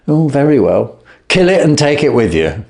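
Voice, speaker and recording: A man reading a story and putting on a higher voice for a brisk, slightly huffy middle-aged countrywoman. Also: sing-song, gravelly, darkish tone. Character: fussy middle-aged countrywoman selling geese.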